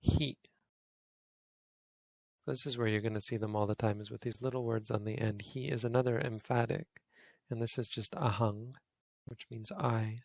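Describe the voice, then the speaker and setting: A man's voice: medium pitch, steady tone, normal speed, creaky, pauses often, darkish tone, no echo. A man, a Buddhist monk, giving an informal grammar lesson to a study group, thinking aloud and correcting himself as he goes. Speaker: Buddhist monk teaching Pali.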